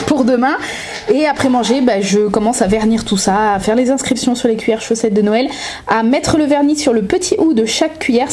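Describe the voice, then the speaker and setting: A woman vlogging in a casual, chatty way, often pausing on filler sounds as she talks. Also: fairly high pitch, warm tone, slight background noise. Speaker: vlogger and mother. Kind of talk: casual vlog chat.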